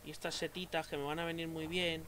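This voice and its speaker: A man with a Spain Spanish accent doing excitable let's-play commentary, muttering to himself and then swearing and shouting at enemies. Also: a little high, fast, background noise. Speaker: gaming youtuber.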